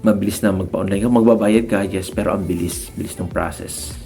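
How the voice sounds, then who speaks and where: Gravelly-voiced Filipino man telling a story. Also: low voice, steady tone, a little fast, dark tone, soft background music. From Philippines. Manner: chatty, acts out dialogue in raised voices, frequent laughs. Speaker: vlogger sharing work-abroad experience. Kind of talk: casual storytelling to viewers.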